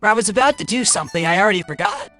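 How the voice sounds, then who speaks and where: This voice races along at medium pitch, animated, pushed and bright, as a game streamer grumbles bluntly and with exasperation through casual livestream commentary. It sounds like a voice changer is in use, with game music underneath.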